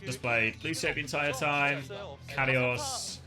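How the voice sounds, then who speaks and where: A man's voice: medium pitch, slow, music in the background. A man in his thirties co-streaming an esports match, rambling and correcting himself as he talks to chat. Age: 30s. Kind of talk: casual livestream commentary.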